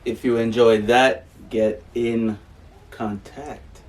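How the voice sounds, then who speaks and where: A man co-hosting a podcast in casual chat, laid-back and joking, often trailing off quietly at the end of a thought. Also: mid-range voice, flat delivery, slow pace, far from the mic. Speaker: podcast co-host.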